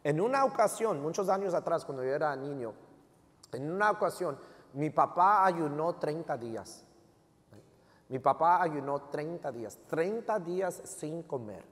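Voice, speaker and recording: A man's voice: on the high side, measured pace. A middle-aged man preaching a sermon as pastor, with a Mexican American accent, joking and peppering his Spanish with English tags. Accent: Mexican American Spanish with English code-switching. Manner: lively, joking, switches often into English tags like "right?". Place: church sanctuary. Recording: long reverb of a church hall.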